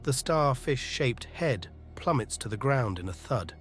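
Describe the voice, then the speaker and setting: An animated, unhurried male narrator with a mid-range pitch reads an audio drama script, giving it a literary, atmospheric feel over quiet background music.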